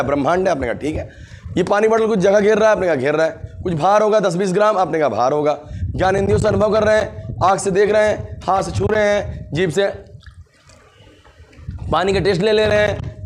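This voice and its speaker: Lively high-voiced man teaching a class. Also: a little hiss or hum. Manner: call-and-response questioning, answers own questions; affectionate, calls students "beta" and "mera bachcha". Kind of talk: online class lecture.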